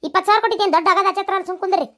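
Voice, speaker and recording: Woman doing a shrill scolding village wife. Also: steady tone, bright, forceful tone. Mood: angry, defensive. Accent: North Karnataka Kannada. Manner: nagging, scolding rapid-fire. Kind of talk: cartoon comedy voice acting.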